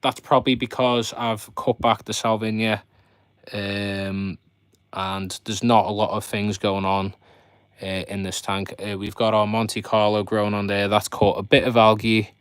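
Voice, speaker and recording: A man's voice: on the low side, level tone, a little slow, smooth, dry recording, clean studio sound. A man hosting a casual live stream, chatting in a rambling way to viewers as he shows what he keeps. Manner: rambling, chatty commentary with viewers addressed directly. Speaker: host of a fishkeeping live stream. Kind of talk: casual live chat, showing his fish tanks.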